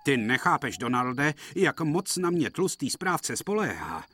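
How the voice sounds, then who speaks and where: A man's voice: mid-range voice, very animated, sharp tone, pitched above the performer's own voice. A man voicing Duck, a proud and eager little male steam engine in a dubbed children's series. He sounds earnest and a bit self-important. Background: music.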